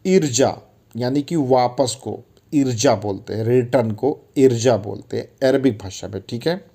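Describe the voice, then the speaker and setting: Gravelly and dark in tone, a medium-pitched man works through Arabic vocabulary at a measured pace. His lesson is casual and chatty, with frequent calls of "brother" and each word repeated for drilling.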